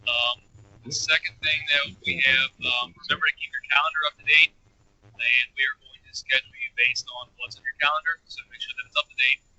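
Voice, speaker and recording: A man's voice: a little high, steady tone, a little fast, bright, forceful tone, dry recording. A man giving a dispatch update at a staff meeting, his voice tinny as if inside a tin can, through headphones used as a microphone, listing his points casually with fillers. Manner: informal, points listed one by one with fillers. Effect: tinny sound as if inside a tin can. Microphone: headphones plugged into the microphone jack. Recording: tinny, dull lo-fi line.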